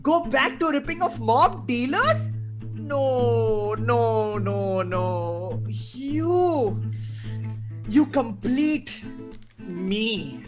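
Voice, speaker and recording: A woman's voice: a little high, expressive, very slow. Woman playing a theatrical, taunting madman villain over guitar. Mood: manic glee. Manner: theatrical, drawling, breaking into cackles. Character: gleeful, taunting male criminal madman, theatrical clown villain. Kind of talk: table read of a film script. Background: live guitar music.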